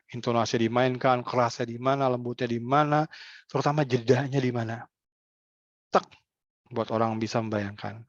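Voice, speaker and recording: A man teaching a workshop in a relaxed, chatty way. He breaks into short acted-out exchanges, his voice leaping up in pitch. The recording is close and dry, with a dull, muffled tone. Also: no echo. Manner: animated, acts out example dialogues with lively pitch jumps. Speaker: trainer on health communication. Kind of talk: casual workshop talk.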